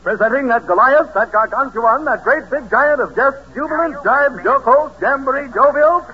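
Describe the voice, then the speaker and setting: High-voiced American man announcing old-time radio. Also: normal speed. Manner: grandiose, emphatic showman. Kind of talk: 1930s radio variety show announcing. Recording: dull 1930s radio recording with music.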